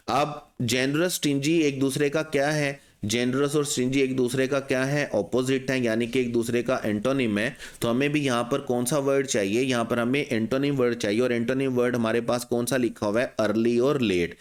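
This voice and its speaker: A man explains test questions in a lesson, his voice sitting at an ordinary middle pitch. He keeps asking the class questions and answering them himself, slowing right down to read the English sentences aloud. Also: clean tone. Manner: reads English test sentences slowly and deliberately. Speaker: English teacher.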